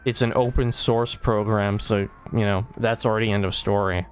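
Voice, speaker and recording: A man's voice: on the low side, fairly even intonation, normal speed, soft background music. A man co-hosting a podcast late at night, sleepy and yawning, talking in a rambling, sarcastic way with lots of fillers. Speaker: podcast co-host. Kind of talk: casual chat.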